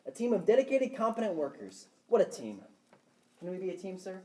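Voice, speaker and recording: A woman's voice: mid-range voice, big pitch swings, brisk, mellow, natural voice. A woman playing an over-keen young male store clerk in a student stage play. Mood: eager. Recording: echoey stage from far off.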